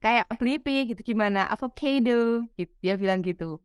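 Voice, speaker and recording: A woman's voice: mid-range voice, brisk, smooth, no echo, studio quality. A woman talking casually and candidly about her own mistakes as a parent, often quoting her child. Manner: candid, self-deprecating, quotes her child. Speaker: parent sharing experience. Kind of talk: casual chat.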